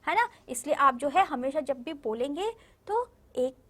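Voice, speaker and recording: A woman teaching young children Hindi in a recorded video lesson, slowly stretching and repeating each word syllable by syllable and often checking whether they follow. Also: sits high, animated. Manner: slow, drawn-out syllable-by-syllable pronunciation drills, repeating words; patient, coaxing, checks understanding with "ठीक है?". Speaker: primary school Hindi teacher.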